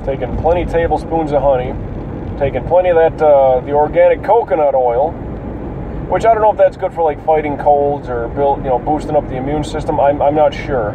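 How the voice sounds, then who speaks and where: A somewhat high-voiced man chats casually while congested with a cold, his voice crackling and breaking as he goes. He rambles in a halting, sweary way. The recording is dull and a bit distant from the mic, with clear vehicle noise around him. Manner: colloquial, profane, halting. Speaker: podcast host. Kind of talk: casual rambling solo chat.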